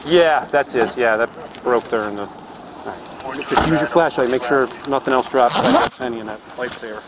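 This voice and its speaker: Brief: mid-pitched male cop, brisk and plain-spoken, noisy body-cam audio. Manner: brisk short orders, then casual recounting. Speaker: police officer. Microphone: own body camera.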